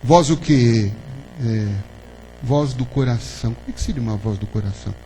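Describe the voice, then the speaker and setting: A man's voice: mid-range voice, normal speed, dark tone, poor audio. A man giving a spiritist lecture to an audience, conversational and full of questions to the listeners and tag "né?". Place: lecture hall of a spiritist center. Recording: faint hum behind the talk.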